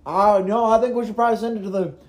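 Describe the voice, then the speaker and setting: A man voicing a hesitant co-host named Cheryl, talking in halting, unsure bits. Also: high voice, steady tone, close to an everyday voice.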